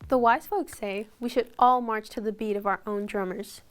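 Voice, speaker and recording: A woman who hosts the show, reading a scripted lead-in to the next story in a soft, friendly manner. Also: mid-range voice, fairly even intonation, normal speed, loud music behind the voice. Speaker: host.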